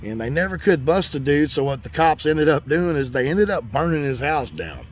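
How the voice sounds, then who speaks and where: A man's voice: a little high, big pitch swings, moderate pace, slight background noise. A middle-aged man telling a rambling, earnest story, full of "man" and "you know". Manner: folksy and earnest, talks about faith. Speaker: host. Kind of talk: casual storytelling monologue.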